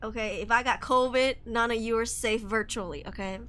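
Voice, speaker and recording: A woman's voice: a little high, fairly even intonation, a little fast, pushed and bright. A young woman streaming a horror game, chatty and jumpy, sniffly with a cold. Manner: chatty, jumpy, swearing and laughing. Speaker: VTuber streamer.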